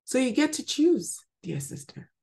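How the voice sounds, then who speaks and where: Hosting her podcast, this woman from Ghana gives a devotional teaching with emphasis, shifting between bright exclamations and quiet murmurs. Her voice sits high and sing-song, unhurried, with vocal fry.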